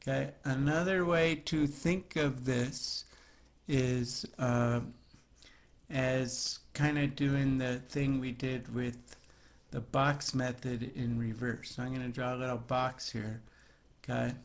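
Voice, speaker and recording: Guy teaching math slow, gravelly voice, kinda chatty and jokey w the class. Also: medium pitch, fairly even intonation. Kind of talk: recorded math lesson.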